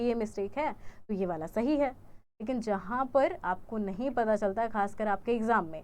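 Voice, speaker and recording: A woman's voice: on the high side, a little mellow. A young woman teaching an exam-prep grammar lesson, quizzing her viewers and repeating each answer choice as a question.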